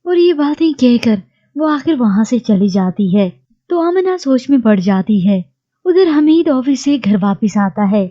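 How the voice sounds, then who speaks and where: A woman narrating a recap of a TV drama in a steady storytelling read. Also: fairly high pitch, a little slow, muffled recording.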